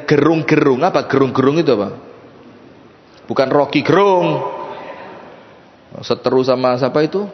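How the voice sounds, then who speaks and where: A man with an East Javanese accent, giving a lively, joking sermon told as a story. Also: a little high, a little hiss or hum. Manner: lively, jokey, plays with the audience. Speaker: preacher. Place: mosque hall. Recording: echoey mosque hall, dull sound.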